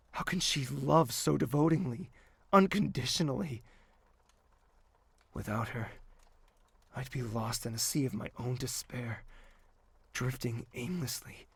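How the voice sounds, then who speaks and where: In an audio drama, an actor plays a remorseful, lovesick young nobleman full of yearning. His mid-range voice is gravelly, and his delivery is grave and earnest.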